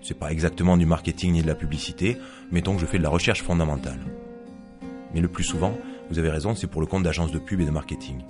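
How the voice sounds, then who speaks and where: Man reading aloud as scornful psychologist, dry mocking tone, very low voice. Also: fairly even intonation, fast talker, music in the background, lightly acted. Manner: dry, mocking monologue with asides to an unseen listener. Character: sardonic rational male psychologist narrator, scornful of belief. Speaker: author reading his novel aloud. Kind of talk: read-aloud first-person fiction.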